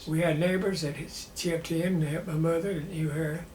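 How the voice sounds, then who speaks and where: Male, 90s, Southern US. Old veteran reminiscing, plain and halting, higher-pitched, in an echoey room. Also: steady tone, a little mellow. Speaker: war veteran being interviewed. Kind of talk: personal reminiscence in an interview. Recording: roomy echo with faint background noise.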